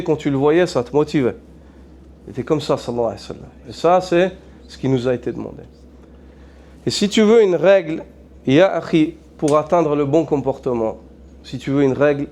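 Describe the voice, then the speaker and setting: A man's voice: on the high side, a little mellow. A man, an imam, preaching a sermon earnestly, mixing in Arabic phrases and asking repeated rhetorical questions.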